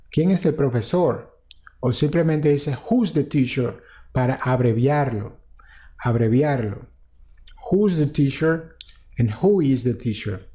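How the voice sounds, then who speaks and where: Slowly repeating English phrases before explaining them in Spanish, a man leads a lesson aimed at Spanish speakers. He speaks with a mellow voice at medium pitch.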